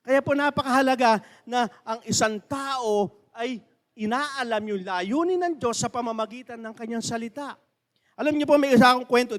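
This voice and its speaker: Man, pastor, very high voice, conversational sermon, rhetorical questions, long church-hall reverb. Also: a bit bright. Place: church sanctuary.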